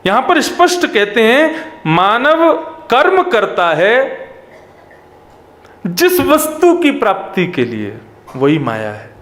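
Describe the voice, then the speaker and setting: A man with a high voice delivers a devotional sermon at an unhurried pace. He leans hard on key words, lifting some phrases up high and letting others sink low and quiet. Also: huge pitch swings. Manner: slow, emphatic, wide swings between raised and dropped phrases. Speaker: preacher. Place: religious gathering at a pilgrimage site.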